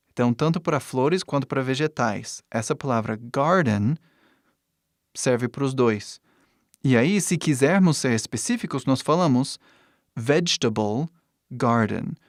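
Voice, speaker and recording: Slow, patient male language teacher. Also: mid-range voice, a little mellow, no echo, studio quality. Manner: patient, repeats words slowly and adds little checks of understanding. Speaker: English teacher. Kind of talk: vocabulary lesson explaining words and pronunciation.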